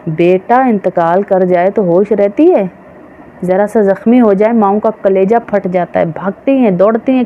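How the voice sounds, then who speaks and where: A woman religious teacher preaching a sermon to women, emphatic and full of rhetorical questions. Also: medium pitch. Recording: dull, slightly noisy recording.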